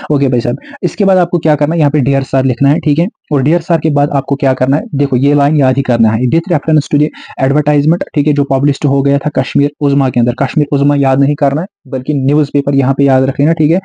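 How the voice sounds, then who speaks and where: A young man teaching exam writing skills, constantly checking in with his students and slowing down to dictate English phrases. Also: medium pitch, mellow, breathy edge, no room sound. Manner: repeats "theek hai" and "bhai sahab", slows down to dictate English phrases. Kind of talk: exam-prep lecture. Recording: dull lo-fi dry sound.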